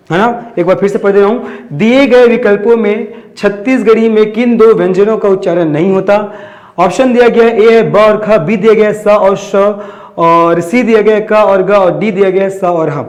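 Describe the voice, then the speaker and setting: A man's voice: sits high, a little mellow. A man teaching an exam-prep grammar lesson, asking his own questions and answering them, repeating key terms.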